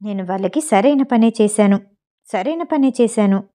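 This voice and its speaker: A woman voicing a furious, scheming wealthy mother in an audio story, talking in quick, heated bursts. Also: mid-range voice, lively intonation, warm tone, lightly acted. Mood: ranting.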